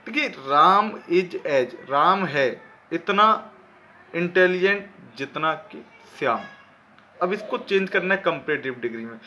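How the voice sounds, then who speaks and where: Male tutor, bright and slightly tense tone, patient step-by-step explainer. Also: high voice, a little hiss or hum. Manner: explains slowly, asks and answers his own questions. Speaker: English teacher. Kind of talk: classroom grammar lesson.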